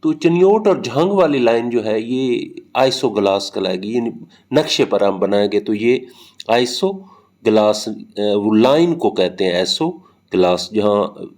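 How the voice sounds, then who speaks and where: A man's voice: on the low side, lively intonation, measured pace, darkish tone. Man giving a lecture. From Pakistan. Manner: explains with everyday examples, frequent hesitation fillers. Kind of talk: recorded lecture explaining linguistics.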